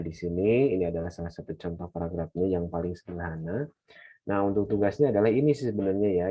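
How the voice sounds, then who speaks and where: Deep-voiced man teaching English. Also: husky. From Indonesia. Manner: slow, careful English model phrases between relaxed explanations. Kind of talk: online class lecture. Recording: dull lo-fi lecture recording.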